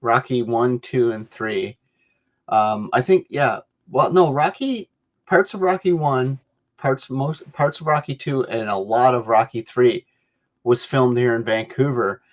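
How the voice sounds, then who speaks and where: A man's voice: medium pitch, a little slow. A middle-aged Canadian man hosting a podcast, chatting casually and rambling with lots of self-corrections. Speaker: podcast host. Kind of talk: casual chat. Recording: dull lo-fi sound.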